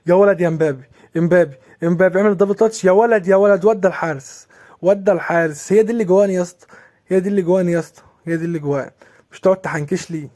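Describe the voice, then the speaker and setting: A young gaming YouTuber with an Egyptian Arabic accent commentates live on his own football game, exasperated and repeating himself as each play unfolds. His voice is fairly high and warm, recorded dry with studio quality.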